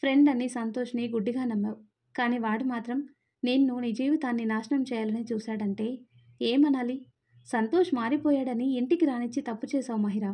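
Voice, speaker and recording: A woman's voice: a little high, fairly quick, mellow. A woman voicing a stern older father-in-law in a storybook reading, scolding and emotional. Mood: reproachful.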